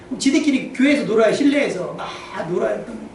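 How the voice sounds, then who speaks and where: Man, pastor, animated humorous sermon, high voice, heavy church echo, distant mic, faint hiss. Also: fast. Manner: animated, humorous, acts out quotes. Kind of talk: lively sermon. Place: church sanctuary.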